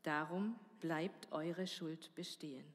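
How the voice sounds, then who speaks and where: A woman's voice: low-pitched, steady tone, a little hiss or hum. Woman reading scripture in a church hall. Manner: measured, voices the dialogue lines. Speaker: scripture reader. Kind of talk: Bible reading.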